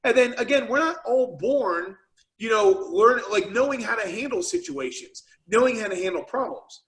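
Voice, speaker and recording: A man with a notably high voice talks business motivation, loose and energetic. He leans on fillers like "you know" and "right" as he builds his points. It sounds like a video-call mic. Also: moderate pace, poor audio. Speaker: business founder, guest speaker. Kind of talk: casual motivational talk.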